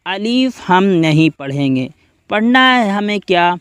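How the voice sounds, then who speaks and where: A man's voice: sits high, big pitch swings, a bit bright, clean tone, no echo, studio quality. A man teaching Quran reading step by step, patiently spelling out each letter and asking listeners to repeat after him. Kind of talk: step-by-step recitation lesson.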